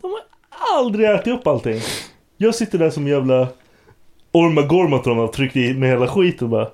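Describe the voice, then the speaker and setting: A man's voice: on the high side, sing-song, darkish tone. A man co-hosting a podcast in crude casual chat, blunt and swearing a lot, laughing often. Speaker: podcast co-host.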